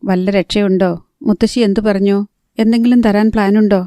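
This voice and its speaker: A woman's voice: medium pitch, steady tone, a little fast, mellow, dry recording, studio quality, close to an everyday voice. A woman reading the part of an irritable, sarcastic young man who craves a smoke, in a blunt, grumbling way.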